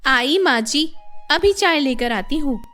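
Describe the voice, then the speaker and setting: A sly, fed-up young daughter-in-law in a cartoon story, voiced by a woman narrator. Her voice is high and clear, with quiet music behind it. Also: expressive, slow pace, full character voice. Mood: complaining. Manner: complaining, sly.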